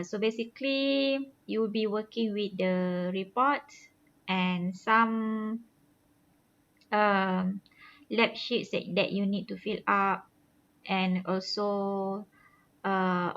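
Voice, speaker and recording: A woman lecturer with a Malaysian accent gives an online course briefing, heard through a screen recording of the video call. She talks haltingly, with many fillers and "lah" tags. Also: medium pitch, fairly even intonation, a bit bright. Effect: screen-recorded online class audio. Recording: muffled screen-recorded call with faint hiss.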